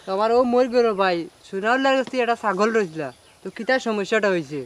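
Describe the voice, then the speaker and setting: A man's voice: high-pitched, expressive, fast, clean tone. A man with a Sylheti accent playing a worried villager who earnestly seeks advice in a comedic drama.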